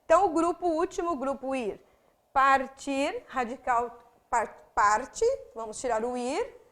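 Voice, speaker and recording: A woman's voice: high voice, animated, measured pace, a bit bright. A woman with a Brazilian accent, teaching a grammar video lesson for exam candidates, explaining step by step to the viewer with frequent asides. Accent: Brazilian Portuguese.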